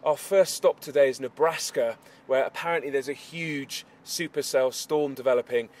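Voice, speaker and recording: A man's voice: mid-range voice, moderate pace. A man presenting a storm-chasing video diary on location, speaking off the cuff and reacting as he goes. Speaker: presenter reporting on a storm chase. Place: outdoors by the road and inside a car. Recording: loud music, outdoor and car noise, distant mic.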